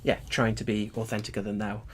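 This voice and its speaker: A man's voice: lowish voice, completely flat delivery, fast talker, a bit bright, a little hiss or hum. A man co-hosting a casual scholarly chat, wordy and digressive, with frequent restarts and dry wordplay. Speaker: podcast co-host.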